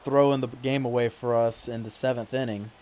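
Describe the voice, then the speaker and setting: A man narrates his video game playthrough like a casual sportscaster, keeping an easy pace as he follows each play. He breaks into loud, indignant complaints over the calls he disagrees with. His voice sits in a middling range, with some faint background noise behind it. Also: medium pitch, fairly even intonation, a little fast. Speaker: gaming YouTuber.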